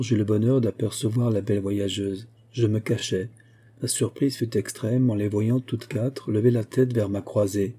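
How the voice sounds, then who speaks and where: Male audiobook narrator, very dark timbre, measured elegant read. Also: mid-range voice, slightly rough. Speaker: audiobook reader. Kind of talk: scripted literary narration.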